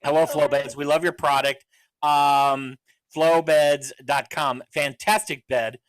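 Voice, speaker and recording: A man's voice: fairly high pitch, little pitch movement, slow, no echo, poor audio. A man hosting a podcast in casual chat; he rambles on and laughs often. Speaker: podcast host.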